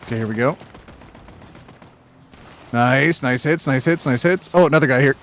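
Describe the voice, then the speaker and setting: A man streaming a game with friends, giving quick, excited team callouts. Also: mid-range voice, slight background noise. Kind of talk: casual gaming callouts.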